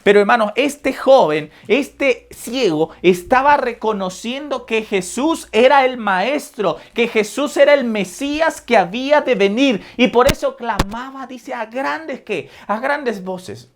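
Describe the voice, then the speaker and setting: Slow, deliberate woman preaching. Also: fairly high pitch, animated. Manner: addresses listeners as brothers and sisters with rhetorical questions; retells the Bible story in a slow, deliberate storytelling way. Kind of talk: sermon.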